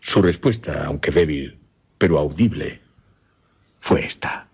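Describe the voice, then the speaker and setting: A very deep, darkish, slightly rough male voice, heavily acted, brings to life a grave gentleman hypnotist recounting his macabre experiment in radio drama dialogue narration. The mood is measured and solemn, with formal, deliberate speech and dramatic pauses, on slightly muffled lo-fi audio.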